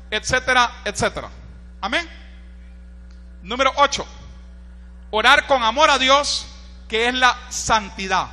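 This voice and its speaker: A Honduran-accented male pastor preaches with a very high, ringing voice. His delivery is animated, rising to shouts when he quotes a cry and dropping into asides to the congregation. A long hall reverb trails every phrase. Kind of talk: sermon.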